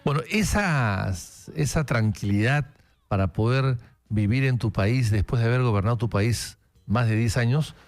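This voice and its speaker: Radio host, halting anecdotes. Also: male voice, mid-range voice. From Peru. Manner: conversational anecdotes, frequent fillers. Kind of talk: political interview.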